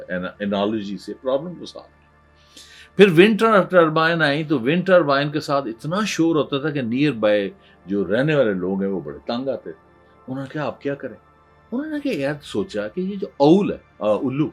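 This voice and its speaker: Animated husky male professor. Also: mid-range voice. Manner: animated storytelling with frequent fillers and restarts. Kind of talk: lecture on creativity. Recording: faint background music.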